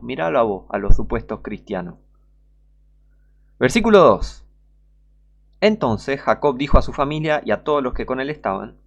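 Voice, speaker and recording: A man's voice: mid-range voice, highs cut off. A man with a Rioplatense Spanish accent who preaches an online sermon, emphatic and scolding, repeating his points and reading scripture aloud.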